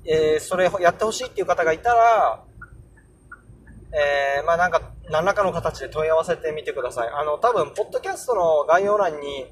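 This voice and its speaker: A man's voice: on the high side, a little fast, slight background noise. A young man casually hosting a solo podcast, explaining English pronunciation and sounding out example words aloud. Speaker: podcast host.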